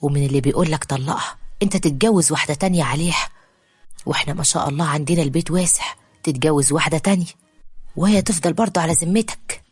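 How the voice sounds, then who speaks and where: A woman's voice: low-pitched, fast talker, slightly rough, dry recording. A woman voicing a pushy middle-aged mother with an insistent, scolding manner and an Egyptian Arabic accent. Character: pushy middle-aged mother urging her son to remarry.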